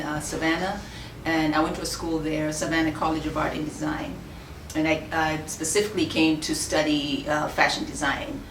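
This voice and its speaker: Shop owner, lower voice, echoey room, slightly off-mic. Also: female voice, distant mic, background noise. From Kenya. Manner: measured, with frequent "uh" and "um" pauses. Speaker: boutique owner. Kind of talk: interview answers. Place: her clothing shop.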